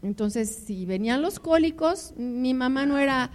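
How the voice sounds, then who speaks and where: A woman's voice: high voice, animated, a little slow. Older woman preaching to couples. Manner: emotional storytelling with personal anecdotes; addresses listeners warmly as beloved ones. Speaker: preacher speaking to married couples. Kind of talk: conversational sermon.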